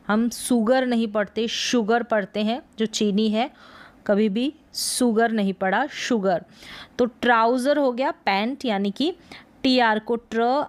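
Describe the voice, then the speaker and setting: A woman teaching English pronunciation in Hindi, sounding words out syllable by syllable in a slow spelling lesson. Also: mid-range voice.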